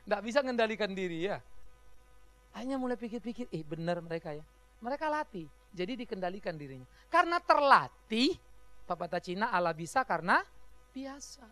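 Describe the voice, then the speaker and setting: A man's voice: high voice, lively intonation, moderate pace, long pauses, pushed and bright. A man preaching a sermon as pastor, joking with the congregation, often laughing and acting out the voices of people he quotes.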